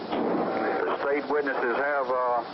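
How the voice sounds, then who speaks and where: A man's voice: mid-range voice, slow. A man on an old archival recording, a prison official giving a formal, matter-of-fact step-by-step report over a line. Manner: steady, matter-of-fact, procedural. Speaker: prison official narrating an execution. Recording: muffled noisy old tape recording.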